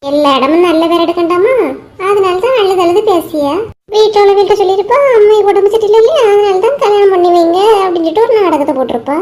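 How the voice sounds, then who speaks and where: A woman's voice: extremely high pitch, fast talker, darkish tone. A woman voicing a gossipy, touchy village wife in a cartoon, speaking in a Kanyakumari Tamil accent and complaining in a whiny, self-pitying way. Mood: catty. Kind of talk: cartoon voice acting.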